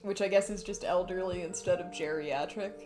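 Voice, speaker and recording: A woman's voice: lowish voice, a little fast, darkish tone, soft background music. A woman hosting a let's play, chatting casually and self-deprecatingly as she plays. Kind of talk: casual gameplay chat.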